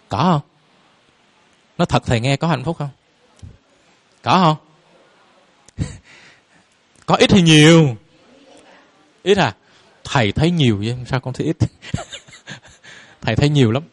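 Teaching a lay audience, a slightly high-voiced man offers a Buddhist dharma talk full of rhetorical questions and playful little laughs.

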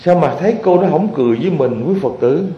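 A man, a Buddhist monk, preaching to his followers in a lively storytelling manner and often asking the audience questions. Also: on the high side, fast, lo-fi sound. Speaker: Buddhist monk giving a dharma talk. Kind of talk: sermon to lay followers. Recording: echoey hall.

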